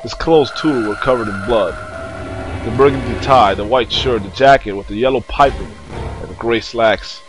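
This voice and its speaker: A man's voice: medium pitch, normal speed, over music, low-quality recording. A young man playing through a video game, reading its text aloud with crude joking asides. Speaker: let's player.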